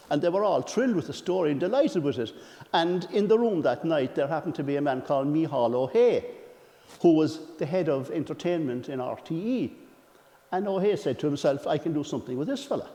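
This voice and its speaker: A man's voice: on the high side, warm tone. Irish man reminiscing in a reverberant hall. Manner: frequent throat clearing. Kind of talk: informal spoken biographical reminiscence.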